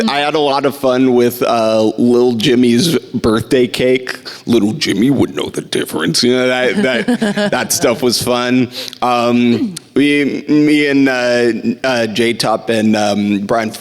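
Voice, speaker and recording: A man's voice: mid-range voice, takes it slowly. Young man with a mid voice, big hall. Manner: relaxed, hesitant, lots of fillers and restarts. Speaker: voice actor on a convention panel. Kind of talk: casual panel Q&A. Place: large convention hall. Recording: long hall reverb from a panel PA.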